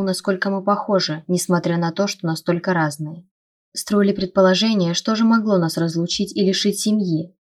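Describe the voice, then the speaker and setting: A woman narrating a first-person fantasy audiobook in a steady storytelling read. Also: on the low side.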